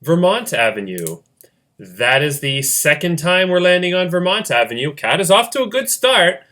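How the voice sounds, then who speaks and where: A man narrates a board-game round play by play in a chatty, joking way. His pitch jumps around a lot as he talks, and his voice has a bright, forceful edge. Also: sing-song, normal speed. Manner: chatty, jokey asides, laughs often. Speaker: host running a fan game.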